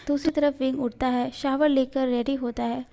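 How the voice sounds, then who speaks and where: A woman reads a fan fiction story aloud in a high, mellow voice. Her narration is steady and even throughout. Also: normal speed, vocal fry. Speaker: story reader.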